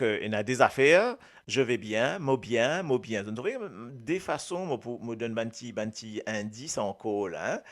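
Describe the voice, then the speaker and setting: A man with a Mauritian accent giving a casual, animated language lesson, often repeating his words and joking. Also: mid-range voice. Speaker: Creole language presenter.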